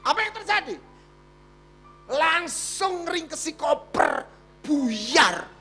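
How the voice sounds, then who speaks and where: Animated east javanese preacher, high bright voice, jokes a lot with the crowd. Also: male voice, slow, creaky, faint music behind. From Madiun, East Java, Indonesia. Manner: animated, jokey, asks the congregation questions. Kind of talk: storytelling sermon.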